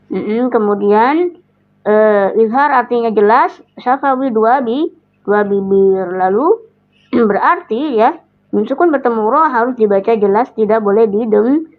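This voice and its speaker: A hoarse woman with a Sundanese accent teaching Quran recitation rules on a live stream, drawing out each recited example. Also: a little high. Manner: slow, drawn-out explanation with recited examples. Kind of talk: live-streamed tajwid lesson. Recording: tinny phone-line sound.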